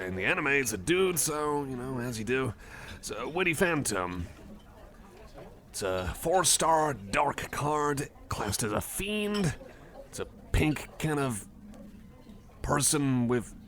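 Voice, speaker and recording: In an ASMR roleplay, a man chats casually to the listener with hesitant, geeky enthusiasm, rambling as he goes. His medium-pitched, slightly bright voice swings widely in pitch and takes things slowly, with cafe crowd chatter behind him.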